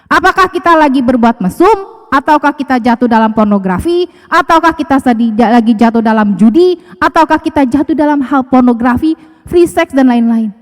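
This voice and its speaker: Woman, Indonesian accent, church devotional, chatty, fairly high voice, long hall echo. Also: expressive, normal speed. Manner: conversational, acts out her own inner voice. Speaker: devotional speaker. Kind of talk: church devotional sermon with prayer.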